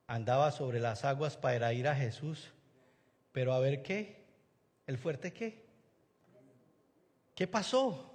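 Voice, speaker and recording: A man preaching a sermon in an animated way, acting out the voices he quotes and putting questions to his congregation. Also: medium pitch, unhurried, long reverb tail.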